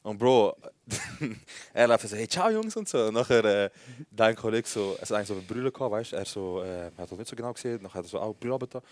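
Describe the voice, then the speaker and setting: A young man with a Swiss German accent, co-hosting a live comedy podcast and telling slangy, animated anecdotes full of acted-out dialogue. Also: lowish voice, quick pace, slight background noise. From Switzerland. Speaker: podcast co-host.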